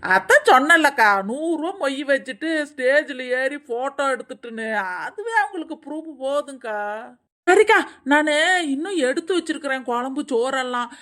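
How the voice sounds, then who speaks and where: A greedy, boastful village woman from a comedy cartoon, played by a woman. She talks in a wheedling, self-satisfied way. Her voice sits fairly high. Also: expressive, normal speed, pushed and bright. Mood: scheming. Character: greedy chatty village woman hoarding wedding leftovers. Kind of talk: animated comedy dialogue.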